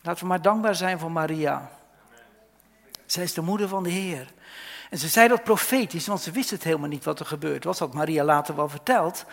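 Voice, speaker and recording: Brief: fervent male preacher, high voice, soaring from whispers to shouts, hall echo. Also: brisk, gravelly. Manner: passionate, swings from loud outbursts to hushed whispers. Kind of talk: sermon. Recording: long hall reverb.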